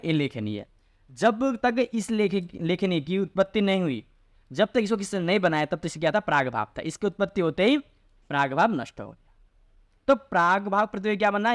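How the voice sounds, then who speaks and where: A man teaching a lecture, asking rhetorical questions and answering them himself, and reciting classical phrases slowly. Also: sits high, no echo, studio quality. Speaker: Sanskrit teacher. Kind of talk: explanatory Hindi lecture on a Sanskrit logic text.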